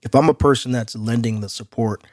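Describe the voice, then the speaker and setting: Male podcast co-host, outgoing, casual street slang, medium pitch, dry recording. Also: fairly quick, darkish tone, no room sound.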